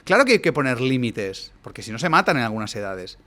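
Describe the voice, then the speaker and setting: Talking quickly in a sharp, sing-song medium pitch, this man is a guest coach on a podcast. He explains his thinking in expansive, lecturing fashion, frequently capping points with rhetorical questions.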